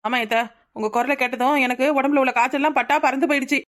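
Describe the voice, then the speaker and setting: A sharp-tongued young village wife, played by a woman in a cartoon, speaking with a Kanyakumari Tamil accent. Her voice sits high and she talks very fast, retorting often. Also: steady tone. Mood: sulky. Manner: sulky, retorting.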